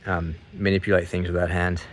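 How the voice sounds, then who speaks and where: A vlogger in his mid thirties talks briskly to his audience about recovering from surgery, his low voice holding a level tone. The chat is loose and hesitant, and he keeps interrupting himself mid-sentence.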